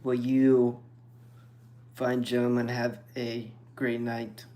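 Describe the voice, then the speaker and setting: Slow, easygoing man streamer chatting. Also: medium pitch. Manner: relaxed, rambling, slow and even. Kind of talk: casual chat.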